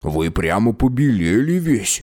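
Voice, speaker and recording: A man voicing an eager, bold young male apprentice in an audiobook reading, with slow, enthusiastic speech. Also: fairly low pitch, very animated, a little mellow, no echo, studio quality.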